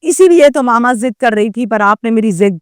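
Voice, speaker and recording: A frightened teenage girl pleads through tears, as a woman voices her in her own fairly high voice. The sound is close and dry. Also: lively intonation, clean tone, dry recording, close to an everyday voice. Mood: pleading. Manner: tearful, pleading.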